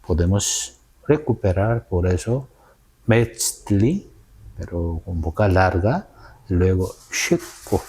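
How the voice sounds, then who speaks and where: A deep, husky, darkish voice belongs to this South Korean scholar, who is expressive as he responds to an interview. He works through careful, halting Spanish as a non-native speaker, Korean-accented, often ending phrases with "¿no?".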